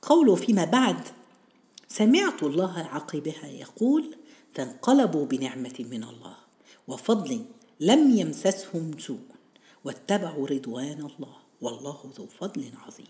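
A woman with an Egyptian Arabic accent giving an Islamic lesson, speaking animatedly and quoting verses softly, almost in a whisper. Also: low voice, big pitch swings, normal speed. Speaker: religious teacher.

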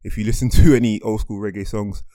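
A man's voice: fairly low pitch, fairly even intonation, fast, mellow, no echo, clean studio sound. A man co-hosting a casual finance podcast, joking around and explaining things in plain terms. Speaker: podcast co-host.

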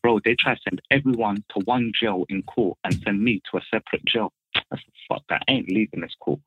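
A man's voice: on the low side, fairly quick, slight background noise. A young man with a London roadman accent, telling stories casually in street slang and repeating himself for emphasis. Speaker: guest phoning in. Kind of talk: casual chat, storytelling. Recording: muffled, tinny phone line.

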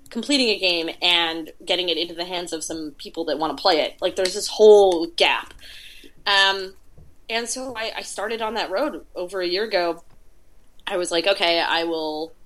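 In casual interview talk on a podcast, a woman who produces PR for indie games tells stories chattily, leaning heavily on filler words. She speaks at a moderate pace in a slightly bright voice on the low side.

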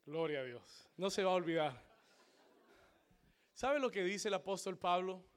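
A man preaching a sermon to a congregation, repeating his points in English and rising to shouts before dropping low and slow. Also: lively intonation, smooth. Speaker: pastor. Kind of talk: bilingual sermon. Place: church sanctuary.

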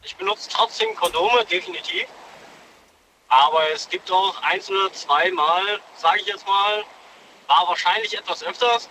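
A man's voice: sits high, big pitch swings, moderate pace. A man calling into a talk show from a car speakerphone, chatting casually and candidly, laughing between sentences. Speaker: caller. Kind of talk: casual chat. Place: moving car. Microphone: car hands-free speakerphone. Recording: distant hands-free car phone with road noise. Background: vehicle noise.

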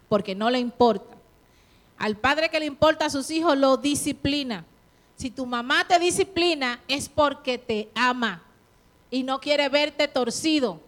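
A woman in middle age delivers a sermon in a high-pitched voice. She urges her listeners on and asks them questions directly. Every so often she acts out the quoted words of other people. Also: fairly bright tone. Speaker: preacher.

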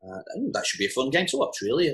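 A man hosting a casual sports chat, running through the week's fixtures with relaxed asides. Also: on the high side, fast talker. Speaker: show host.

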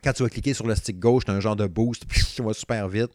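A young man with a Quebec French accent talking casually about a video game he reviews, excitable and rambling, full of slang and restarts. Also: fairly low pitch, fast, dry recording, studio quality. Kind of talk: casual gaming chat.

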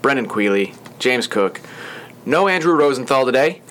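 A man's voice: mid-range voice, animated, normal speed, fairly bright tone, slight background noise. A young man hosting a podcast in a small studio, chatting casually and rambling with lots of fillers. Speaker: podcast host. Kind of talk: casual chat.

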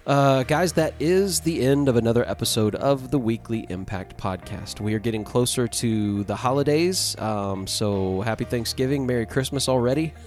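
A man's voice: medium pitch, normal speed, few pauses, darkish tone. A man hosting a podcast, leading an earnest closing prayer and sign-off in a stuffy, nasal voice. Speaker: podcast host.

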